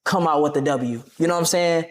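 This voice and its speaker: Brief: young male streamer guest, lively slangy delivery, mid-pitch. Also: quick pace. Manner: animated, confrontational, slangy. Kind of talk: casual interview talk.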